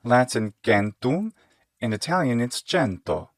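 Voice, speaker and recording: Slow, lively man demonstrating words. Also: medium pitch, no room sound, studio quality. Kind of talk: pronunciation demonstration.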